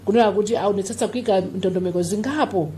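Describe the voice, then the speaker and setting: A woman's voice: medium pitch, fast talker, mellow, a little hiss or hum. A woman with a Malawian accent explaining things emphatically in a public briefing. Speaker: official addressing the public at a briefing.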